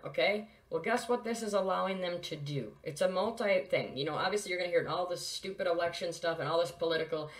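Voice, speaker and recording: A man's voice: a little high, fairly bright tone. Agitated man ranting over news articles. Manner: agitated, scornful, repetitive. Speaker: conspiracy video host. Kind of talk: casual monologue reading articles aloud.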